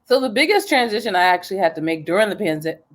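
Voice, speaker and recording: A woman's voice: medium pitch, sing-song, fast, fairly bright tone. A young woman from New Jersey, a journalist, talking in an upbeat, chatty way and laughing often as a guest on a video call interview. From New Jersey, USA.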